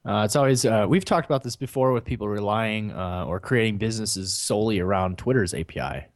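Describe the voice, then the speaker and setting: Low-voiced man, casual podcast co-host. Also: fairly quick, no echo, studio quality. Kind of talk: casual chat.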